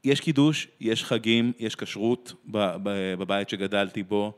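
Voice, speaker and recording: A man's voice: fairly low pitch, smooth. A man from Israel, a translator and theatre director, talking thoughtfully in an interview, often restarting his sentences. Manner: thoughtful, with many restarts and pauses. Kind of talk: reflective interview conversation.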